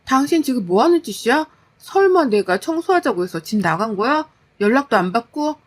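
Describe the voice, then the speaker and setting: A woman's voice: on the high side, sing-song, brisk. A woman voicing an exhausted working wife who scolds her husband in exasperation in a story. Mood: exasperated scolding.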